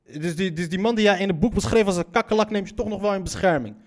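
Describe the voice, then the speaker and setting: This reaction commentator has a high-pitched voice and speaks fast and animatedly. He reads a story aloud and responds bluntly and with disbelief, cursing and tripping over repeated words.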